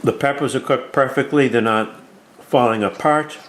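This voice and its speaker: A man hosting a cooking video, chatting in a folksy, relaxed way while tasting his food. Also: medium pitch, moderate pace. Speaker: cooking show host. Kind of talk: casual cooking vlog chat. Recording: roomy with faint clatter.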